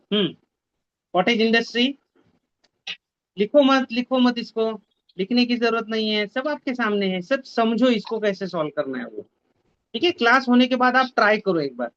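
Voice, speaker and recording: A man's voice: sits high, fairly bright tone, no echo, dull audio. A man teaching a math lesson in an online class, mixing Hindi and English and repeating his instructions. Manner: mixes Hindi and English, repeats instructions, scolds students to mute mics. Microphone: video call.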